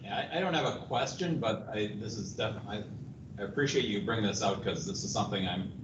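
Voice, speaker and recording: Low voiced guy, halting casual talk, echoey and noisy meeting mic. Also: far from the mic, dull audio. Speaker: meeting attendee giving feedback. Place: online meeting, far from the mic.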